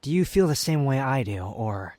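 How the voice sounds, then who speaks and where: A man playing an aloof, proud, sardonic young wanderer in an intimate roleplay audio drama, speaking in haughty, formal, halting phrases. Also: medium pitch, big pitch swings, darkish tone, no room sound, lightly acted. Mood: subdued, hesitant. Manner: haughty, formal wording, halting, sighs and scoffs.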